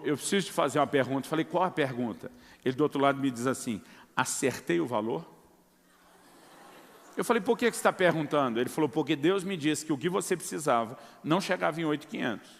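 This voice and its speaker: High-voiced Brazilian pastor preaching. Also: male voice, a bit bright, long reverb tail. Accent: Brazilian Portuguese. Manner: storytelling, acts out quoted dialogue, addresses listeners as brother. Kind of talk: sermon with testimony.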